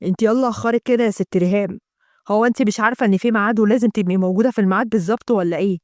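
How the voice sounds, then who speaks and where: A woman's voice: medium pitch, rapid-fire, dry recording, studio quality, voice pushed down, lightly acted. A woman voicing a scheming young businessman with an Egyptian accent, talking in pushy, condescending sweet talk. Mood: smug. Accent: Egyptian Arabic.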